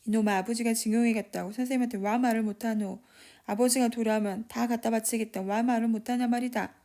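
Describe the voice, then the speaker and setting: A man's voice: very high-pitched, fairly even intonation, fast, warm tone. A woman voicing a drunken, boastful one-armed father who rambles and scolds in Gyeongsang dialect. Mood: drunk scolding.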